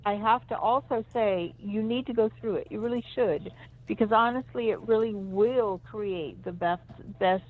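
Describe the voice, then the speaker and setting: A woman comes through a crackly phone line that keeps dropping in and out. The sound is thin and tinny. She gives an intuitive reading in a halting, searching way, often starting her sentences over, at a middling pitch. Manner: searching and hesitant, with many restarts. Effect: crackly phone line that cuts in and out. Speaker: co-host giving psychic readings.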